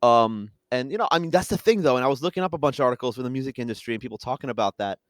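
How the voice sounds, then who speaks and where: A young man from Long Island rattles along at a brisk clip, chatting casually as a guest. His delivery is animated and quick, with laughter slipping in between phrases. The sound is dry and close, with no room around it. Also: medium pitch, dry recording. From Long Island, New York. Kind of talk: casual chat.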